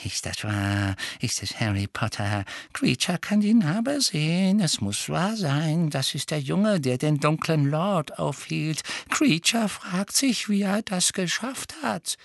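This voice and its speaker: A man's voice: fairly high pitch, very animated, takes it slowly, gravelly, few pauses, no echo, studio quality, voice pushed up, exaggerated voice. A man voicing a servile, spiteful old male house-elf who mutters hastily to himself, in an audiobook. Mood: muttering. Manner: mutters hastily, bows and scrapes.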